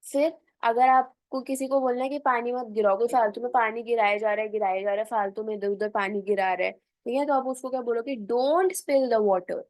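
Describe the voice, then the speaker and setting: Woman teacher, higher voice, dry recording. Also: steady tone, no room sound. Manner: slow, deliberate English model phrases; colloquial Hindi explanations. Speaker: English teacher. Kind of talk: spoken English lesson.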